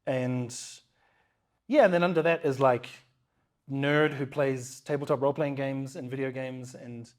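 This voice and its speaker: A man's voice: mid-range voice, fairly even intonation, unhurried. A man talks as an interview guest, easygoing and playful. He rambles a little and fills his answers with ums and uhs. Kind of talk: casual interview chat.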